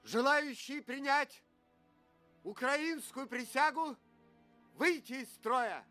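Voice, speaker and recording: An actor playing a bold, defiant submarine officer who barks drawn-out parade-ground commands in a film drama. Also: male voice, on the high side, expressive, bright, forceful tone, soft background music. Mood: defiant, commanding.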